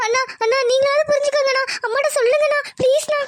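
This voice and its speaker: A woman's voice: very high voice, steady tone, rapid-fire, dry recording. A woman voicing a desperate young daughter in a cartoon, begging her family tearfully. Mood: pleading.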